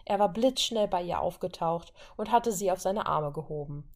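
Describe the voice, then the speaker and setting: A woman narrating a fan fiction audiobook in a steady reading voice. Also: on the low side, moderate pace.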